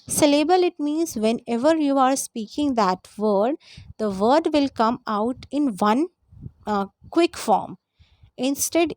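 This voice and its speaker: A woman's voice: fairly high pitch, darkish tone, dry recording, clean studio sound. A woman explaining a grammar lesson, going step by step and repeating her points. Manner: lists examples slowly one by one. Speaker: English teacher.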